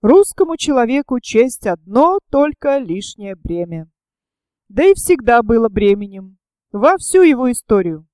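Vain elderly male writer in a storybook reading, self-important, with a mellow high sugary squeak, voiced by a woman. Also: clean tone, no room sound, clean studio sound. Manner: affected, sugary squeak when fawning.

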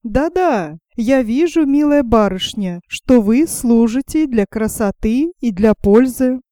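A woman's voice: fairly high pitch, lively intonation, takes it slowly, warm tone, no echo, clean studio sound. A woman voicing a prim, easily offended young female garter in a fairy-tale reading.

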